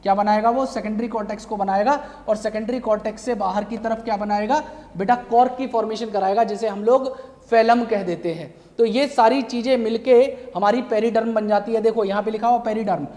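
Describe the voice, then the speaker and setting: A man's voice: high voice, fairly even intonation, fairly quick, a little mellow. A man teaching biology in a lecture over slides. He keeps asking the class questions and answering them himself, and he calls his students "beta". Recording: long reverb, hall-like.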